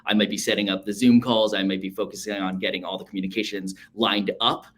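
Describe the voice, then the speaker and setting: A man's voice: fairly low pitch, level tone, fast, a bit bright. A man in his thirties, a guest speaking in a casual, upbeat way with frequent fillers over a video call. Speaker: associate sales manager, guest.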